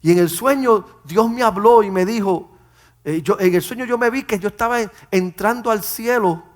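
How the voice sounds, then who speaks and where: A man's voice: sits high, moderate pace. A middle-aged man, a pastor, telling a personal story in an emotional way and often repeating words. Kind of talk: personal testimony.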